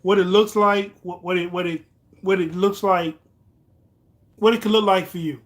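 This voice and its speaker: Tipsy, high-voiced man. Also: fairly even intonation, moderate pace. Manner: loose, rambling, repeats words and phrases. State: tipsy from drinking. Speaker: livestream host. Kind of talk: casual live chat with viewers.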